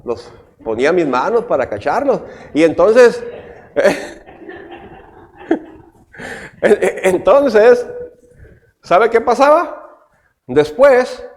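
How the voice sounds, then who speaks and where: Man, middle-aged, pastor giving a sermon; lively, swinging delivery. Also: high-pitched, drawn-out words, long pauses. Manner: animated preaching, with frequent rhetorical questions.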